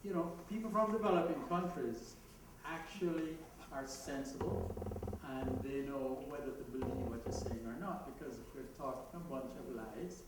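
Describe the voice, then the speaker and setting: With a mid-range voice and a moderate pace, this Jamaican-accented man barely pauses during his conversational conference talk and chuckles at his own asides. He's heard through a distant mic in an echoey hall with background noise.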